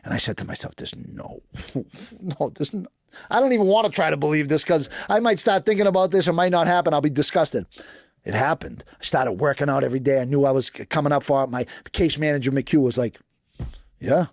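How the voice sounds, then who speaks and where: A middle-aged man with a thick Boston accent talks in a fairly high voice. He recounts his stories animatedly, slipping into other people's voices and padding his lines with fillers. The recording is dry and close, with little room sound. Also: fast, no room sound. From East Boston, USA. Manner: animated storyteller acting out dialogue, frequent fillers. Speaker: guest, former prisoner. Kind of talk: podcast interview storytelling.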